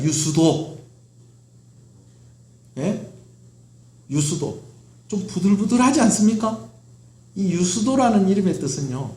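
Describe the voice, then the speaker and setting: Questioning pastor in echoey church. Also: male voice, sits high, darkish tone. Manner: asks the congregation questions and answers them himself. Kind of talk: sermon. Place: church sanctuary. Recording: roomy church echo.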